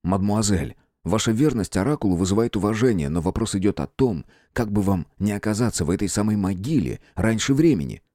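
Guy reading as polite stern old-style detective, mellow voice, dry sound. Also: lowish voice, lively intonation, dry recording. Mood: firm. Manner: measured, courteous, formal. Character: calm, firm gentleman detective of old times. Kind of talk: audiobook character voicing.

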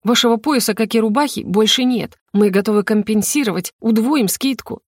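A woman's voice: on the high side, brisk, breathy edge, dry recording, voice pushed up. A woman reading a nervous young shop assistant in a storybook, all apologies and soothing offers. Her voice is lifted and careful, recorded close and dry. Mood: apologetic. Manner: soothing, placating.

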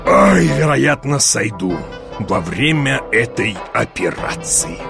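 A man reading an audiobook, voicing a sly police chief who feigns sympathy and teases with drawn-out pauses. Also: mid-range voice, animated, gravelly, music in the background, voice pushed down. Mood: mock-sympathetic. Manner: measured, drawn-out teasing pauses.

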